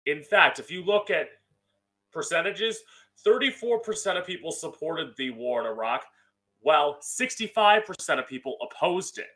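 With a slightly high, animated voice that's bright and forceful at a moderate pace, a man gives an emphatic opinion monologue to camera, his delivery campy like a drag queen. He records as host in a small room at home on a close boom-arm studio mic with a pop filter, and the recording is rough.

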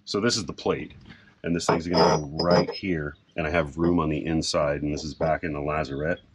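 A middle-aged man casually explaining a boat project outdoors in a sailboat cockpit, relaxed and rambling with frequent fillers. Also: a bass voice, fairly quick. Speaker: sailboat owner and vlogger. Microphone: camera on a mount a few feet away. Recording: outdoor recording with background noise.

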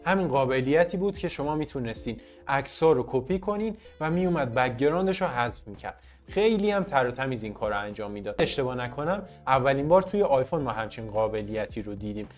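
A man's voice: medium pitch, expressive, lo-fi sound, faint music behind. A man presenting a casual tech tutorial in a chatty, playful way, talking to his viewers as friends. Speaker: tech vlogger.

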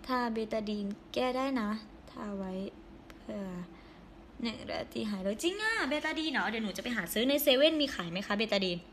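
A hoarse young woman chatting casually on a live stream, giggling and reading viewer comments aloud. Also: fairly high pitch, lively intonation, a little fast, fairly bright tone, a little hiss or hum.

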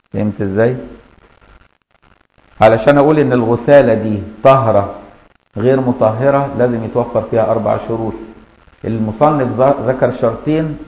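A man with an Egyptian Arabic accent teaching a colloquial classroom lesson, explaining step by step and often checking that listeners follow. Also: medium pitch. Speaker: Islamic jurisprudence teacher. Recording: echoey, dull lo-fi room recording.

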